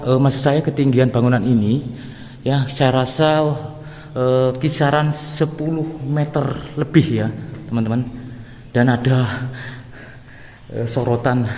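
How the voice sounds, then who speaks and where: A man narrating a walk-through at a middle pitch, pausing often with fillers as he talks to viewers. His voice rings with a long echo off the walls of an underground stone chamber. A faint hum of ambience sits behind him. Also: dark tone. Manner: hesitant, many fillers, addresses viewers as friends. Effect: voice echoing in an underground stone chamber. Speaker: travel vlogger exploring a site.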